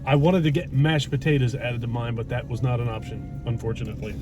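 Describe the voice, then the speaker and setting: A middle-aged man hosting a food vlog chats casually and bluntly from inside a car parked in a driveway, rambling and cursing a little. His voice is medium-pitched and fairly even, and he talks fast. The car interior is noisy, with road hum.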